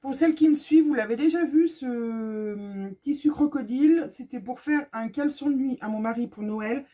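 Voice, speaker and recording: Chatty woman with a mellow, higher voice. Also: moderate pace. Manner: chatty, joking, talks to viewers directly. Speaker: sewing vlogger. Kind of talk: casual fabric haul vlog. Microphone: phone camera.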